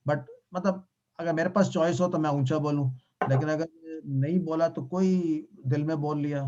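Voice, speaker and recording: A man teaching a Quran and Arabic grammar class online, answering questions in a relaxed way and mixing in English phrases. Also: fairly high pitch, dull audio. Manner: mixes English phrases into Urdu, relaxed explanatory.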